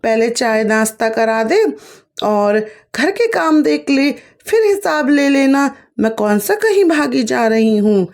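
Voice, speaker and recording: A woman's voice: a little high, very animated, takes it slowly, darkish tone, exaggerated voice. A woman voicing a scheming, jealous old mother-in-law who scolds her daughter-in-law. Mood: evasive.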